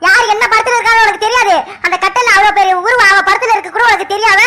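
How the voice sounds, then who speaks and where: A woman's voice: very high voice, steady tone, quick pace, sharp tone. A woman voicing a fretful middle-aged village mother in a cartoon, scolding and fussing with frequent exclamations. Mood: worried. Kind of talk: cartoon voice acting.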